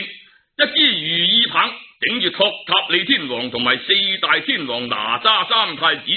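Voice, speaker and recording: A man with a Cantonese accent telling a traditional tale in a dramatic, theatrical and colloquial storytelling style, full of exclamations. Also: high-pitched. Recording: narrow, tinny phone-like sound.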